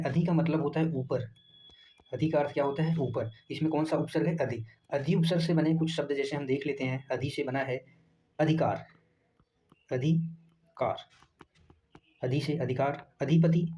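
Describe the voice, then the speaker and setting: A man's voice: mid-range voice, a little mellow, slight background noise, rough recording. A male teacher running an exam-prep grammar lesson, repeating each point and asking questions that he then answers himself. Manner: repetitive, quizzing the class and answering himself.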